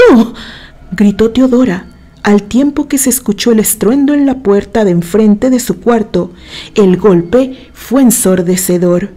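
A woman from Mexico with a Mexican accent, reading a horror novel aloud in a measured, deliberate storytelling manner. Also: mid-range voice, warm tone. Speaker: narrator.

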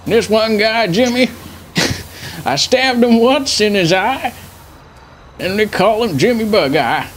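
A man's voice: high-pitched, animated, takes it slowly, slight background noise. A man voicing a forgetful, cheerful old grandpa war veteran in a folksy, rambling grandpa voice for online game role-play. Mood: rambling, reminiscing.

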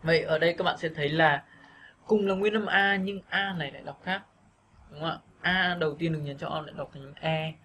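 A man teaching a video lesson on English pronunciation, patiently repeating words slowly for practice. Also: a little high, gravelly, sharp tone, slight background noise.

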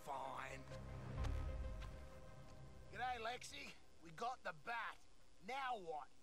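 Slow drawly cheeky aussie rogue, high and swoopy. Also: male voice, sing-song, over music, full character voice. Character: cocky male Australian rogue, boomerang-throwing mercenary. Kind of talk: video game dialogue.

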